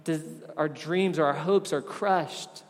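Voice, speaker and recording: A fairly high-voiced man preaching, his words trailing off in the long reverb of a big room. He swings between loud, pressing emphasis and hushed, tender asides. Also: slow pace. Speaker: pastor. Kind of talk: sermon.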